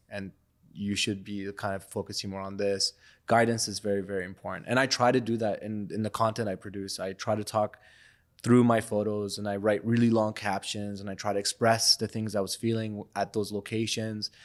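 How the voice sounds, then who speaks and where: Man, young adult, from Iraq, lowish pitch, reflective, casual interview talk. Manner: reflective, loose and conversational, many fillers. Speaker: podcast guest, photographer.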